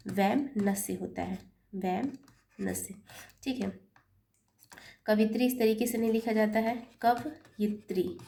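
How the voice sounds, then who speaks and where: A woman's voice: mid-range voice, dark tone, slight background noise. A woman teaching an exam-prep lesson, patiently spelling out corrections step by step and correcting her own slips as she goes. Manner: self-correcting, apologizes for slips. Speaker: Hindi teacher.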